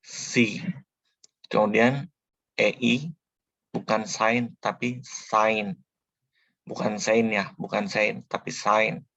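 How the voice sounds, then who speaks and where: A man giving a slow spoken language tutorial, patiently repeating each sound several times as a teacher. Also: fairly low pitch, level tone, gravelly, fairly bright tone, no echo.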